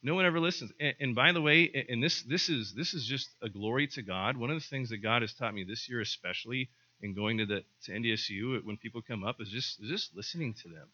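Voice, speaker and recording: A man's voice: mid-range voice, quick pace, few pauses, bright, forceful tone, a little hiss or hum. A middle-aged male pastor giving a conversational sermon, often repeating words and acting out short exchanges. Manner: conversational, repeats words, acts out little dialogues. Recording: slightly dull lo-fi sound.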